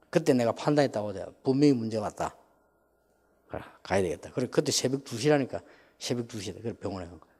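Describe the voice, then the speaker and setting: Animated pastor telling a story. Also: male voice, medium pitch, big-room sound. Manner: animated storytelling, rambling asides. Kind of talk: sermon with a personal story.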